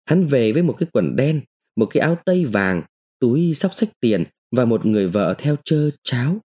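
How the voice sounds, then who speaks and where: A man reading a literary short story aloud in the first person, with an expressive, dramatic delivery. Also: medium pitch, moderate pace, slightly rough. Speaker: narrator.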